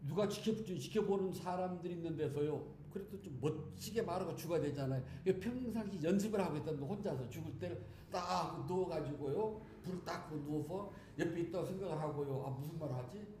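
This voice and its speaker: A man's voice: fairly high pitch, dark tone. A male Buddhist monk giving a chatty, humorous sermon in a temple hall, often speaking to his listeners directly. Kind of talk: conversational sermon. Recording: echoey hall with faint background noise.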